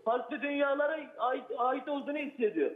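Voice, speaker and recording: A man's voice: very high-pitched, a little fast, reverberant, phone-quality sound. A man, the guest's older brother, arguing indignantly on a talk show. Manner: indignant, argumentative. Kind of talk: heated talk-show argument.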